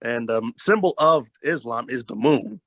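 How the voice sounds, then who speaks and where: Gravelly man speaking measuredly. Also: medium pitch, animated, fairly bright tone, dry recording. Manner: measured, hesitant, clears throat. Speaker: podcast guest, deacon. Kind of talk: casual discussion.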